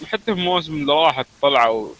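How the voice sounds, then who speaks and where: A man co-hosts a casual podcast in a lively, joking manner. His voice is bright and slightly high, and he talks quickly. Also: slight background noise, low-quality recording. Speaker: podcast co-host.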